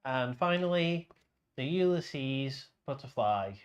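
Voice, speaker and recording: A man calling a live bingo game, announcing each item in a measured way. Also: mid-range voice, lively intonation, muffled recording. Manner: measured, announcing items one by one.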